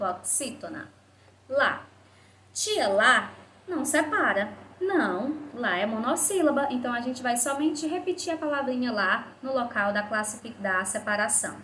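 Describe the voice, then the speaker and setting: A woman teacher with a slightly high voice explains each grammar step to children, slowly and patiently. She asks the pupils' questions herself and then answers them. The room is echoey, with a faint hiss behind her. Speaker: primary school teacher. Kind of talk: remote class lesson.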